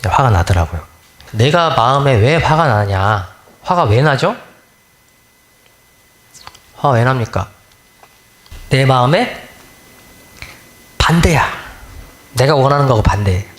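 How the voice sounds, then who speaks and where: Lively questioning male minister. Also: mid-range voice, slow pace, pauses often. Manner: asks the listeners many questions, acts out everyday grumbles. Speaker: Won-Buddhist minister. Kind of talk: conversational dharma talk.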